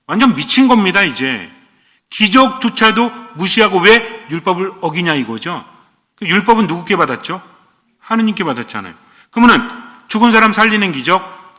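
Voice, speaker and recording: Male priest, sermon, bright forceful tone, rather high pitch, long hall reverb. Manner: asks the congregation questions and answers them himself; acts out short quoted lines.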